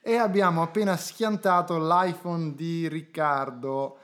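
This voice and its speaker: A man's voice: a little high, steady tone, measured pace, a bit bright. A man hosting a casual comedy podcast, teasing and joking with his friends. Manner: jokey, teasing banter. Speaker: podcast host.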